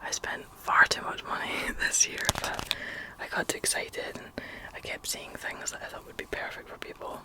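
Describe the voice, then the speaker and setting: A woman's voice: moderate pace, poor audio. A young woman whispering a rambling, chatty ASMR video as its host. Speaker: ASMR creator.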